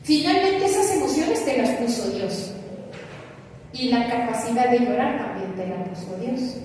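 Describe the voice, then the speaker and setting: A woman preaching a measured, emphatic sermon and putting questions to her congregation. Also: on the high side, expressive, a little mellow, a little hiss or hum. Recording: echoey hall recorded from a distance.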